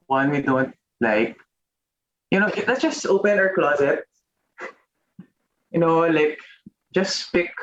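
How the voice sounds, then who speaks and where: A man's voice: fairly high pitch, fairly bright tone. A man performing an improvised comedy scene on stage in conversational dialogue. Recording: muffled, slightly noisy stage recording.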